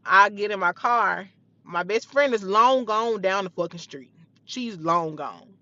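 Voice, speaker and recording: A young woman with a bright, forceful voice tells her story bluntly and with plenty of profanity. The sound is close and dry, with no room echo. It is a slightly dull, lo-fi phone recording. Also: mid-range voice, expressive, a little slow. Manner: blunt, profane, heated retelling. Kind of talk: casual storytime monologue.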